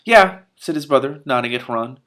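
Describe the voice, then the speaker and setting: In a lowish voice and at a brisk clip, a man reads fantasy fiction aloud and comments on it as he goes. Dialogue gets animated treatment, and he sometimes trips over lines and goes back to reread them.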